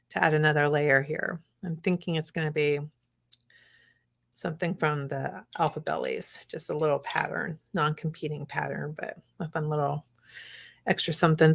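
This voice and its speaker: The craft channel host's low-pitched voice comes out gravelly as she loses it, clearing her throat between remarks. She chats casually on her live stream while working, sometimes whispering to her artwork.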